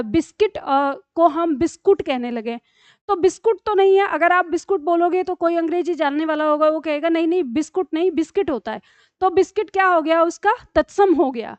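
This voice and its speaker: A woman's voice: sits high, dry recording. A woman teaching a grammar class, explaining patiently and checking often that her students follow. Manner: explains patiently with many checks like "theek hai?". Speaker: Hindi teacher. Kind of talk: classroom lesson. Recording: dull lo-fi dry sound.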